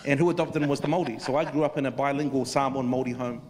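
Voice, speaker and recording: Male panelist, New Zealand accent, quick and earnest, restarts his sentences; reverberant hall. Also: medium pitch, fairly even intonation, darkish tone, slight background noise. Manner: earnest, repeats words when starting sentences. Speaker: panel debater. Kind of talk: panel debate.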